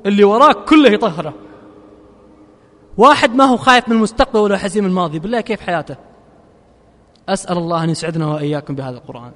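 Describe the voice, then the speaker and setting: High-voiced Gulf preacher, long hall echo. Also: male voice, fairly bright tone. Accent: Gulf Arabic. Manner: chants verses slowly, then explains in quick casual asides. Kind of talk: sermon.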